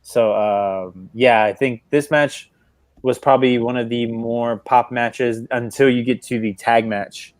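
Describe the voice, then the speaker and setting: Man retelling wrestling skits, animated. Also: medium pitch, a little slow, no room sound. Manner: animated storytelling, laughs while retelling. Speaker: podcast co-host. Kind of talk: casual wrestling chat.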